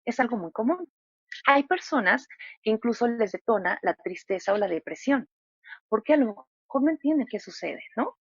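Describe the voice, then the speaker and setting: A woman in her thirties answers interview questions as a psychologist, speaking expressively. She acts out examples with lively voices. The audio is dry and dull, with no room sound. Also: on the high side, moderate pace, husky, dry recording. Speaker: psychologist guest.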